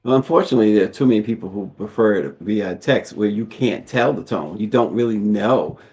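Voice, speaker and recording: A man co-hosting a casual talk show in a relaxed way, chuckling as he reads out viewer comments. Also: on the low side, brisk, dull audio. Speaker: co-host. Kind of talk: casual chat.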